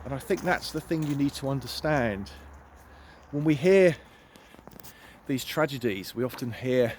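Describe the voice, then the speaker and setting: A man's voice: mid-range voice, animated, measured pace, darkish tone. Earnest man vlogging outdoors. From United Kingdom. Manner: earnest, emphatic, repeats phrases. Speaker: empowerment coach. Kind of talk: walking vlog monologue. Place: outdoors in woods. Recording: faint outdoor noise.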